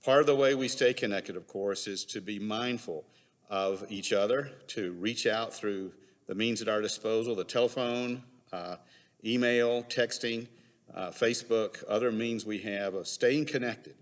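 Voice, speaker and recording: A hallway echo with long reverb surrounds this man's fairly low voice. He speaks as a pastor addressing his congregation in a measured, deliberate and slightly halting way. The space sounds like a big, empty church sanctuary.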